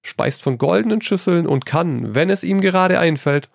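Reading a story aloud, a man with a slightly high, gravelly voice plays a worldly painter who teases his friend with lively amusement and sprinkles in French phrases. He keeps a moderate pace, and the clean studio recording has no room sound, with the voice pushed up.

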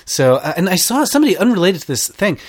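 A man's voice: high-pitched, sing-song, fast talker. A man co-hosting a podcast, chatting casually and giggling, with plenty of fillers and restarts. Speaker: podcast co-host. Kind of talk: casual chat.

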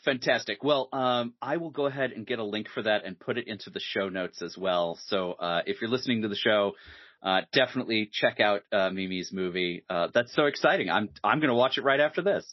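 A man hosting a podcast in casual chat, animated and hesitant with many fillers, laughing easily. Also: lowish voice, a little fast, dry recording. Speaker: podcast host. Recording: dull lo-fi sound, dry.

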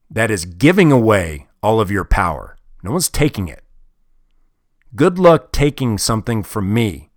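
A man's voice: medium pitch, no room sound, studio quality. A man giving a motivational talk, blunt and heavily profane, hammering home his points with emphasis. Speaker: motivational speaker.

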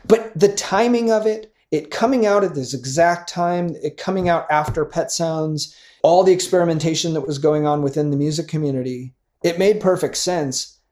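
A middle-aged man in casual chat about music, animated and rambling, swearing freely and trailing off into fillers. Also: on the high side, moderate pace.

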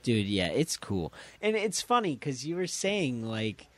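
A man's voice: medium pitch, big pitch swings, measured pace. A man in casual chat who tells stories animatedly and laughs often.

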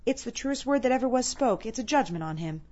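Woman playing female scavenger, callous, blunt, boastful, scornful, loud storybook character, slightly muffled recording. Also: on the high side, lively intonation, fast, pitched above the performer's own voice. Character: callous, brazen female scavenger haggling over plunder.

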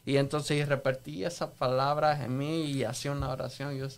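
A man from El Salvador telling his faith story on a church podcast, halting and earnest, full of restarts. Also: medium pitch, fairly even intonation, vocal fry. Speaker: podcast guest sharing testimony. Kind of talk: casual church podcast talk.

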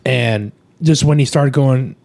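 A man's voice: medium pitch, slow, vocal fry, a little mellow. Rambling man saying "you know" a lot. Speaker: podcast co-host. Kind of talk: casual movie discussion.

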